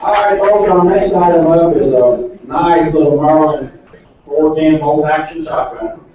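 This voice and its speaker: A man working as an auctioneer, calling bids in a quick rhythmic chant with folksy asides. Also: a little high, slight background noise. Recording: distant echoey lo-fi recording with loud crowd.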